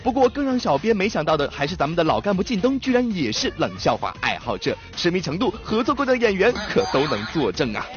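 A man's voice: high-pitched, sing-song, quick pace, few pauses. A man narrating an entertainment show in a playful, teasing scripted tone. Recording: dull lo-fi with faint music.

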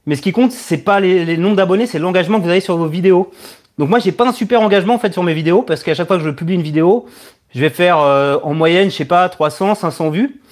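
This online video creator, a man in his thirties with a higher-pitched voice, hosts a laid-back live chat answering viewers. He comes across as hesitant, pausing and repeating words as he thinks.

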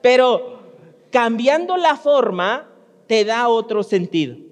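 Pastor, man, very high voice, chatty sermon to the congregation, long church-hall reverb. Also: animated, takes it slowly. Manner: speaks directly to the congregation, storytelling with frequent restarts. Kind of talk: conversational sermon.

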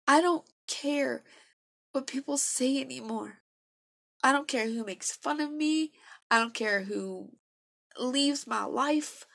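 A woman's voice: high voice, vocal fry. A young woman giving a personal faith testimony in an earnest, emotional and self-deprecating way.

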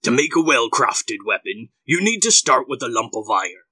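A man voicing a patient dwarf smith who speaks to his pupil in a steady, teaching way in a told story. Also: medium pitch, normal speed, breathy edge, no echo, heavily acted.

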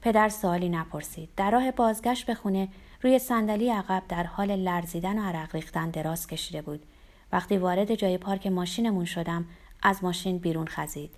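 A woman's voice: fairly low pitch, a little mellow. A woman narrating a first-person novel aloud in a wry, bitter, confessional manner. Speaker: audiobook narrator.

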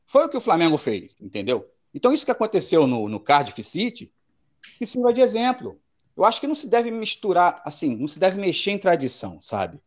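A man's voice: high voice, wildly swooping pitch, a little fast. A man from Brazil hosting a casual football chat, emphatic and opinionated, full of slang. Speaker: podcast host.

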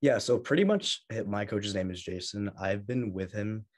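Deep-voiced young man, lively storyteller. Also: normal speed. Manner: lively storyteller, laughs often. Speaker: guest bodybuilder. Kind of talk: casual interview chat.

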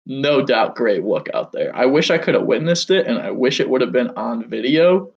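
A man's voice: medium pitch, very animated, normal speed, vocal fry, husky. A man co-hosting a podcast, chatting casually in a blunt, teasing, profane way. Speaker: podcast co-host. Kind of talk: casual chat. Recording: dull lo-fi sound.

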